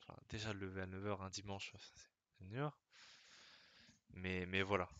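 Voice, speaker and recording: A man's voice: low voice, little pitch movement, normal speed, a bit bright, smooth, no echo, lo-fi sound. A young man streaming live, chatting casually in a rambling, slangy way that keeps interrupting itself.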